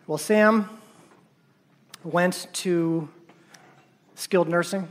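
A man who works as a surgeon tells a personal story at a conference, halting and repeating words, his voice dropping soft at painful moments. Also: high-pitched, fairly even intonation.

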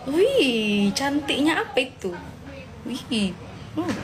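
A woman hosting a casual live stream, reading viewer comments aloud and answering them in a playful, motherly way. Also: a little high. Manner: gently scolding, motherly tone to followers.

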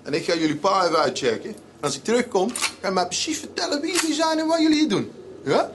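An actor playing a menacing, mocking criminal in a gangster film, questioning people in blunt, taunting bursts. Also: male voice, high voice, very animated, fast, background noise. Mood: bossy, threatening. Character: menacing, mocking male criminal interrogating two young intruders. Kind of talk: film acting, gangster crime comedy.

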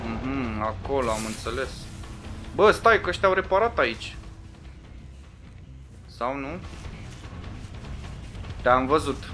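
A man with a Romanian accent commentating his own video game play in a loose, casual way, taunting the other players, swearing and shouting when things go wrong. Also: mid-range voice, lively intonation, pauses often, over music.

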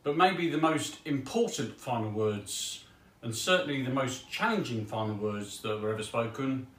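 A man's voice: medium pitch, moderate pace, fairly bright tone, recorded from a distance. A man preaching a casual sermon in a chatty, self-deprecating way, with plenty of ums. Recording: roomy sound from off mic.

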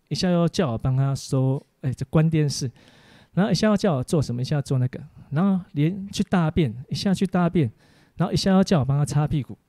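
A man, a preacher giving a teaching sermon for an online course, full of animated stories about his family. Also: fairly high pitch, no room sound.

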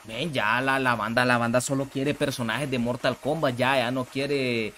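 A man's voice: medium pitch, steady tone, normal speed, sharp tone. Slangy young male game streamer. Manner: slangy, repeats himself, greets viewers. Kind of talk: casual live-stream chat while gaming.

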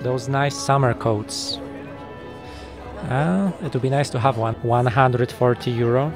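Strolling a city market and old town, a travel vlogger delivers casual commentary in a medium-pitched voice that runs a little slow. Music plays behind him as he chats, jokes and reacts with easy amazement, all recorded on a small handheld camera mic.

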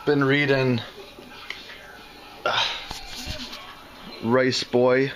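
A man's voice: mid-range voice, level tone, fairly bright tone. A young man in a casual home vlog, chatting playfully and giggling with fillers, recorded indoors at a house on a handheld camera. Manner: playful, giggly, jokey with long pauses and fillers. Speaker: vlogger.

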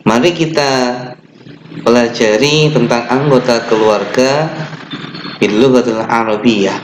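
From a webcam at his desk in a small, echoey room, a young male teacher with an Indonesian accent gives children an online lesson. He explains slowly and patiently in a mid-range voice, with fillers and self-corrections, and chants the opening prayer over some background noise.

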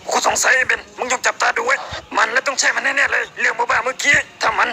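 A man's voice: extremely high pitch, level tone, fast talker, pushed and bright, faint music behind. A man hosting a comedy role-play, teasing and bossing others in crude banter. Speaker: host.

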